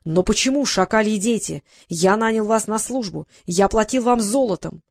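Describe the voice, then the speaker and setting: A haughty, scheming court vizier, as a woman reader plays him in an audiobook, talking down to others with open mockery. The voice sits at a middling pitch and is recorded close and dry. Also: moderate pace, darkish tone, dry recording, lightly acted. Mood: furious.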